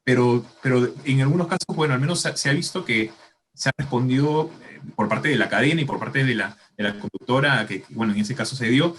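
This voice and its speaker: A man's voice: mid-range voice, fairly quick, a bit bright, a little hiss or hum. A man hosting an interview, asking long, rambling questions with hesitations. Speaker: interviewer, host.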